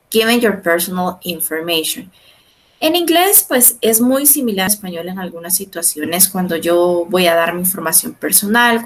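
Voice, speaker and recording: Patient woman teaching English. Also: medium pitch. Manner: explanatory, frequent checks like "¿verdad?" and "¿sí?"; slows down to pronounce English phrases. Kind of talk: online class lecture.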